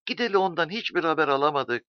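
A man's voice: on the high side, fast, smooth, dry recording, pitched above the performer's own voice, natural voice. A man reading a story, voicing an older village mother who is anxious and emotional. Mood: worried. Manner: excited, pleading, crying out. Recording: dull dry recording.

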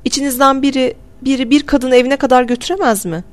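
A desperate young mother begs in a raised, strained voice, put on by a woman reading a story aloud. Her tone climbs high and stays pleading. It is an audiobook reading with one reader doing every part. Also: fairly quick, natural voice.

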